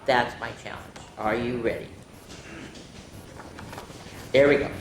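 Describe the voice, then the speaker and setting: With a rumbling low voice and fairly even intonation, a woman hosts a storytime, reading picture books aloud to young children. She reads slowly and deliberately, dropping in chatty asides for her listeners. The room is echoey, with faint background noise.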